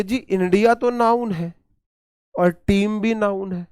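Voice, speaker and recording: A man's voice: high voice, darkish tone, no echo, studio quality. A man with an Indian accent teaching an exam-prep English grammar lesson, repeating key points and quizzing his students.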